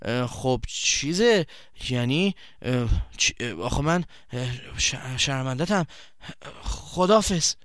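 A man voicing a shy, embarrassed boy who speaks softly and hesitantly, with halting stammers. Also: on the high side, no echo, clean studio sound, close to an everyday voice. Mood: ashamed. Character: shy, embarrassed young boy, soft-spoken.

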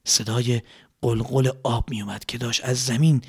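A man telling a story to children, lively with hushed whispered passages and spoken sound effects. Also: mid-range voice, husky.

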